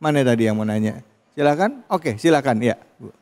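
A man's voice: mid-range voice, expressive, brisk, darkish tone, long reverb tail. A man hosting a religious talk show, answering with eager affirmations and inviting questions from the audience. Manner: eager affirmations, joins in recitation. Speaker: host.

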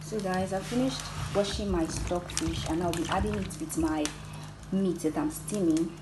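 A woman's voice: fairly low pitch, moderate pace. A woman, explaining each step as she cooks in her home kitchen, recorded on a phone. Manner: plain step-by-step, addresses viewers as "guys". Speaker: cooking vlogger. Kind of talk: casual cooking walkthrough. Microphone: phone camera. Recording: echoey kitchen with loud background noise.

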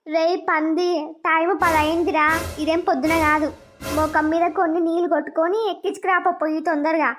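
Cartoon grandma, scolding, very high, flat sing-song delivery, as a performer puts her on. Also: fairly quick, music in the background. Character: scolding grandmother, mother of the household. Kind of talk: cartoon voice acting.

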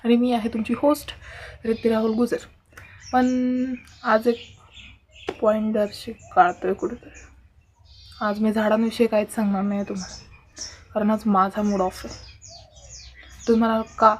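A woman's voice: fairly high pitch, little pitch movement, normal speed, pauses often, darkish tone, slight background noise. A teenage girl hosting a casual advice vlog, earnest and lecturing, speaking straight to her viewers. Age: teens. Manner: earnest, lecturing, keeps addressing viewers directly. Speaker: vlogger host.

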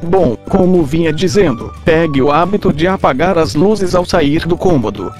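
A man's voice: a little high, animated, moderate pace, darkish tone, soft background music. A man doing a robot-voiced mad scientist. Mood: lecturing. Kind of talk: comedic scripted explainer.

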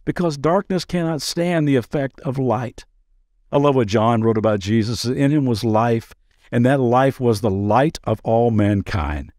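A man's voice: mid-range voice, a little slow, darkish tone, no room sound, studio quality. A man pastor giving a daily devotional podcast talk in an earnest, conversational way, with playful asides.

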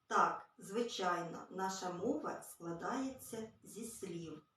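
A woman teaching a literacy lesson to small children, gently and patiently. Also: on the low side, takes it slowly, a little hiss or hum. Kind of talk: early-years literacy lesson. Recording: very echoey room, far from mic.

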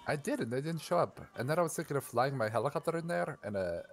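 A man's voice: medium pitch, lively intonation, fast, a little hiss or hum. A man joking around casually in online game role-play.

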